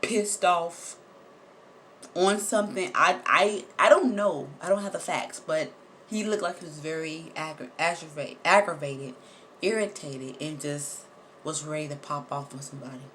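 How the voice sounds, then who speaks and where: A woman telling a personal story straight to her viewers, animated and emphatic, repeating words for effect and swearing casually. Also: sits low, normal speed, slight background noise. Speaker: vlogger.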